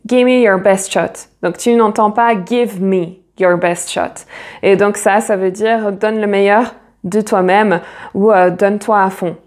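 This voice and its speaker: A woman's voice: mid-range voice, fairly even intonation, a little slow, darkish tone. A woman teaching a casual video lesson, explaining step by step and repeating each phrase. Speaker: English teacher.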